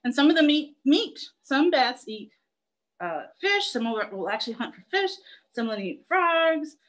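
A woman's voice: high voice, lively intonation, moderate pace, low-quality recording. A young woman zoo educator giving a live online lesson, chatty and playful, laughing often.

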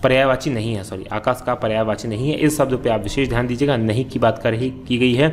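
A man's voice: medium pitch, fairly even intonation, fast, a little hiss or hum. A man teaching an exam-prep grammar lesson, explaining step by step and asking and answering his own questions.

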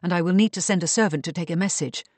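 A man's voice: high voice, very fast, no room sound. A polite but firm young heroine, read by a man, urgent and composed. She stays close to the reader's own voice. The sound is dry.

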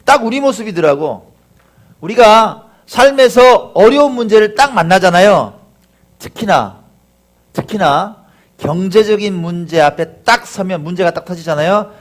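A male pastor preaching a sermon, throwing rhetorical questions at the congregation and acting out the voices of the people he describes. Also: sits high.

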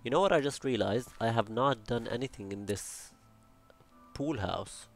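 A young man with an Arabic accent hosts a Minecraft building channel, casually commenting as he builds in the game. He's chatty and rambling, full of jokey asides and talk to himself, with a mid-range, creaky voice at normal speed over soft background music.

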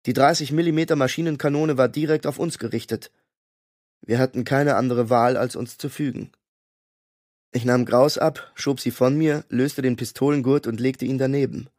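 A man reading a fantasy audiobook in a steady, measured storytelling way. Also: mid-range voice, dry recording, studio quality. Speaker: audiobook narrator. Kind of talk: scripted narration.

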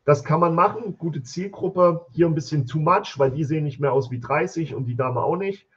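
German guy going thru listings live, blunt, bit husky voice, dull lo-fi stream sound. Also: a little high, moderate pace. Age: adult with school-age children. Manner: blunt, thinks aloud, mutters while counting. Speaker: host reviewing product listings. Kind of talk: live product review chat. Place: home office. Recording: slightly dull, lo-fi stream audio.

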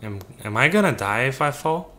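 A man's voice: medium pitch, animated, moderate pace, bright, forceful tone. A man giving casual gameplay commentary, joking and talking to the game's characters as if they were his crew. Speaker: let's play gamer.

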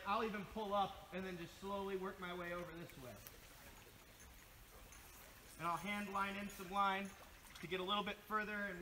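A man, calmly explaining fly-fishing technique while standing by a river, recorded on a camera mic at a distance. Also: high-pitched. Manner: easygoing, explaining step by step. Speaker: fishing guide host. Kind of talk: outdoor instructional vlog. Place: outdoors by a river. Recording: faint outdoor river noise.

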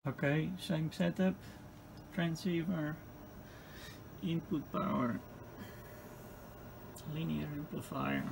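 At an indoor electronics lab bench, a host demonstrates radio equipment in an informal, hesitant, unscripted way. His male voice is somewhat high and gravelly, steady and slow, with long pauses, and workshop background noise is clearly audible.

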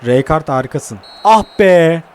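A young man giving excitable live commentary while playing a mobile football game, groaning and cursing at it. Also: a little high, a little slow, a little hiss or hum.

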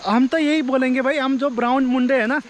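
A man's voice: very high voice, fairly even intonation, fairly quick, poor audio. Chatty man vlogging outdoors. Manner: chatty, joking, addresses viewers directly. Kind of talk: casual vlog narration. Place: outdoors in hill country near a river.

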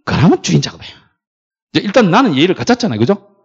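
Animated middle-aged lecturer, lively pitch. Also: male voice, rapid-fire, husky. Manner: animated storytelling, acts out quoted dialogue. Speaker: lecturer in factory real estate brokerage. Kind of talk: classroom lecture with anecdotes. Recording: dull lo-fi lecture recording.

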